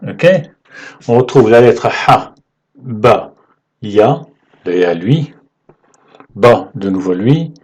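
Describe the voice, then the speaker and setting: A man teaching the alphabet in French, patient and halting, often checking in with "ok?" as he writes. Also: lowish voice, lively intonation, a little mellow, breathy edge. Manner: slow, halting delivery with fillers. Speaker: Arabic teacher. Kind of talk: whiteboard lesson explaining letters.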